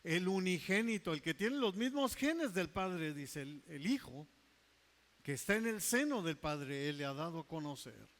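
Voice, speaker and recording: A male pastor preaching a sermon, emphatic, stretching key words slowly and dropping into quiet asides. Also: fairly high pitch, sing-song.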